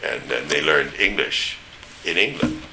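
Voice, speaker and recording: A man's voice: very deep voice, unhurried, noisy background. An elderly man with a standard American accent reminiscing in a rambling, anecdotal way, searching for names as he goes. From East Tennessee, United States. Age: older, 70s or above. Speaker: interviewee recounting memories. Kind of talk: oral history reminiscence.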